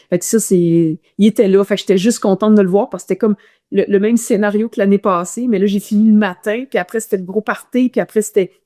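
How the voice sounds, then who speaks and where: Speaking in a mid-range voice with a Quebec French accent, a woman who is a runner recounts a guest's stories during a casual interview, sounding animated and often restarting her sentences.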